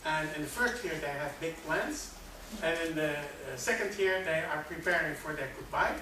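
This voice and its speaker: Measured speaker in a very echoey hall. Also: mid-range voice, animated. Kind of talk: conference talk. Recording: very echoey hall, far from mic, noisy.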